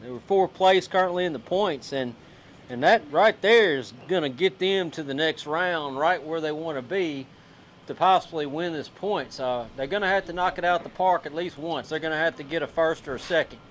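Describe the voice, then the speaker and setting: A man announcing catches at an outdoor fishing weigh-in, loud and chatty. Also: fairly high pitch, moderate pace, slight background noise. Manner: loud, chatty, coaching others. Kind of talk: live weigh-in commentary.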